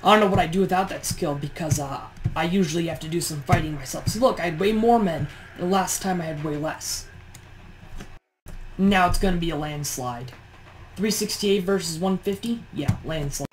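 A woman's voice: fairly low pitch, moderate pace, slight background noise, poor audio. A tired woman with a morning voice, chatting through gameplay commentary on a push-to-talk mic and grumbling in exasperation at how things are going. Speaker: let's play host.

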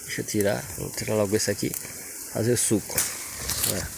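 A man from Northeast Brazil vlogs while walking through his sunny backyard garden, filming on a phone camera and enthusiastically repeating "que maravilha" and "olha." His voice is on the low side, fairly quick, with little pitch movement. The outdoor phone audio carries clear background noise.

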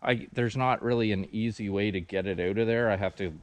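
Male, 40s, low smooth voice, rambling outdoor vlog walkthrough, arm's-length camera. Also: a little fast. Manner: relaxed, rambling explanation with many ums. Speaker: sawmill vlogger. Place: outdoors at a forest clearing sawmill site. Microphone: camera held at arm's length.

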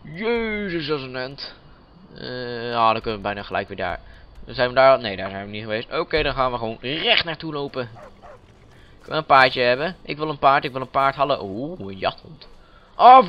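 A man's voice: mid-range voice, dull audio, a little hiss or hum. A man giving playful, chatty commentary while playing a video game, joking with the characters. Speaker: let's play gamer. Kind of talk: casual gameplay commentary.

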